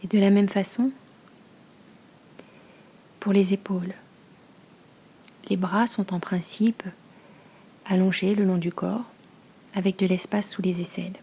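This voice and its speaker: A yoga nidra teacher guides a meditation, her soft, breathy voice hushed and soothing as she speaks slowly with long pauses. Her pitch is medium and her intonation fairly even.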